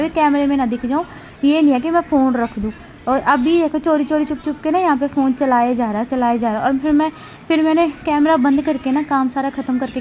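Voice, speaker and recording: Woman vlogger, high voice, rambling home chat into a phone camera, faint room noise. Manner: talkative, rambling, frequent tag questions. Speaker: vlogger, mother. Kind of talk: casual chatty daily vlog.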